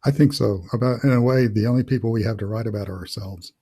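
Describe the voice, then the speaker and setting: Husky, dark and lowish, this middle-aged author's voice moves fast as he hosts a relaxed video-call interview. He works through his thoughts out loud, leaning heavily on fillers.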